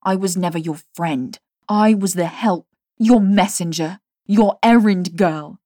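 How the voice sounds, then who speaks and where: A woman's voice: fairly low pitch, steady tone, unhurried, mellow, no room sound, clean studio sound. A woman doing Jamie, a bitter vengeful young woman. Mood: scornful. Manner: scornful, cutting.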